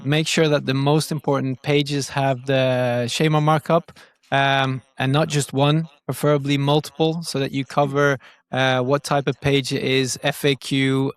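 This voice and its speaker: This podcast guest, a digital growth marketer, has a clear, resonant mid-range voice captured in a dry recording. He explains things casually, interview-style, often repeating words while working through his thoughts in broken, non-native Norwegian.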